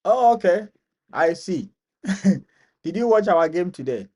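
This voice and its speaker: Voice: mid-range voice, big pitch swings, unhurried. Ghanaian host with a laughing, teasing manner. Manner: laughs often, gently teasing. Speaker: live stream host. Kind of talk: casual live chat.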